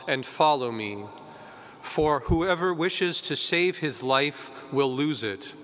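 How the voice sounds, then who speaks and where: Bright-voiced priest reading scripture and preaching, big cathedral echo trailing every word. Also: male voice, medium pitch. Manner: measured, clear proclamation, with an easy conversational tone in the homily. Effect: cathedral echo, long church reverb. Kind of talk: gospel reading and homily at Mass. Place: church during Mass. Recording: long echoing church reverb.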